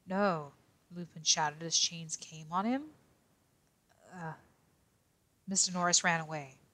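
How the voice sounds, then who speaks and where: A woman voicing a quiet young male detective as he reads a fanfic aloud in character, tripping now and then over odd words. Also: lowish voice, slow. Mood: deadpan reading.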